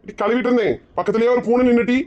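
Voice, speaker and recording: A woman's voice: on the high side, very fast, mellow, dull audio, voice pushed down, lightly acted. A woman voicing a meek middle-aged husband with a Kanyakumari Tamil accent, pleading and coaxing. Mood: defensive.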